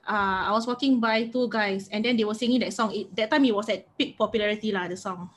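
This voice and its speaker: A woman's voice: medium pitch, quick pace, slight background noise. A woman with a Singaporean accent chatting casually with Singlish particles, earnest and reflective.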